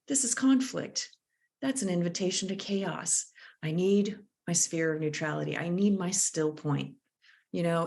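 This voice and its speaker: A woman leading a live online workshop on conflict mediation, speaking in a thoughtful, coaching way and sometimes searching for her words over a video call. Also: fairly low pitch.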